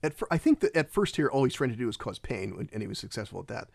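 Halting, rambling male film commentator. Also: mid-range voice, big pitch swings, creaky, no echo, studio quality. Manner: halting and rambling, many restarts.

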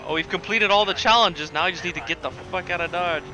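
A man giving casual live gameplay commentary, excitable and sweary, sometimes stammering. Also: high-pitched, fast talker, music in the background. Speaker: live game streamer.

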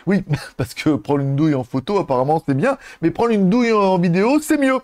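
Casual review host, male, upbeat and jokey, pitch jumping all over, dry close recording. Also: fairly quick, no room sound. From France. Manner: joking and animated, with playful asides. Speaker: product reviewer and channel host. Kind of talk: casual product review vlog.

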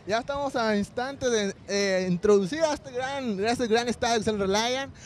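A man's voice: very high-pitched, moderate pace. A young man co-hosting playful street interviews with fans outside a stadium, holding a handheld mic. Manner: playful, teasing banter. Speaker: co-host reporter. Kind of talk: casual joking street interviews. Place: outdoors at a stadium among fans. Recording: noisy outdoor street recording. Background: outdoor crowd ambience.

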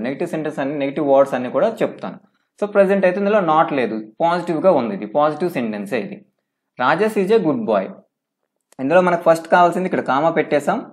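A man teaching English grammar in a step-by-step lecture, reading out English forms slowly and often checking with "okay?". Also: a little high. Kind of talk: classroom lecture.

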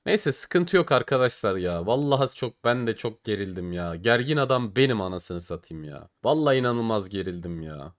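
Animated Turkish-accented gaming commentator, man. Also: on the low side. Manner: animated, swears and groans at losses. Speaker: gaming YouTuber. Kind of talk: casual case-opening commentary.

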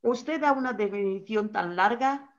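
Female host, mid-pitched, brisk and curious questioning, slightly muffled audio. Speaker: interview host. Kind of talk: conversational interview. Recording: slightly dull sound.

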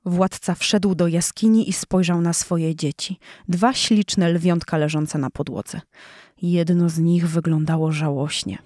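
A woman narrating a children's audiobook in a clear, even storytelling voice. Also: lowish voice, unhurried, no room sound, clean studio sound.

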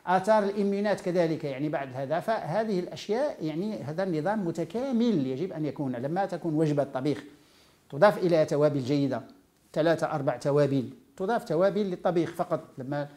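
A man's voice: fairly high pitch, expressive, fast talker, dark tone. A man with a Moroccan accent giving an informal health lecture, explaining by listing items one after another. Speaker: nutrition educator.

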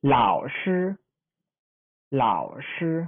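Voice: mid-range voice, animated, slow. A language teacher giving an online pronunciation lesson, repeating each syllable for students to copy, with chatty asides. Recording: tinny phone-like sound.

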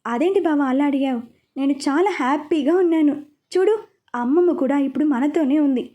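A woman's voice: high voice, moderate pace, warm tone, lightly acted. A woman voicing an emotional, pouting young bride in a spoken story.

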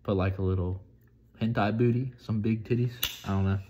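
Young man, 18, from the US, casual vlog chat, excitable and swearing, rambling, lowish voice, faint background noise. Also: a little fast, dull audio. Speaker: vlogger.

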